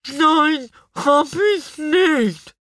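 Woman doing a sulky little apple man, suspicious and grumbly, slow, higher voice, storybook. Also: fairly bright tone, no room sound, studio quality, exaggerated voice. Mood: grumpy.

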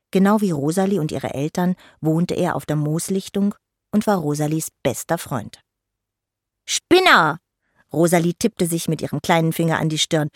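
A woman narrating a children's storybook with a gentle, expressive reading. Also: deep voice, dry recording, studio quality.

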